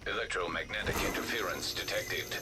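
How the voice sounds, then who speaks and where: A man voicing a cold, mechanical game AI through a metallic robotic filter, giving clipped, flat system announcements. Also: deep voice, brisk. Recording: game audio from far off under loud music.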